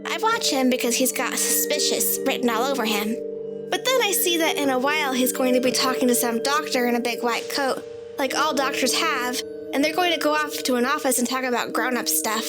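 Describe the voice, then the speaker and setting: Narrating a child's first-person story, this woman speaks fairly quickly in a high register, sounding plain and childlike. Music runs loudly beneath her.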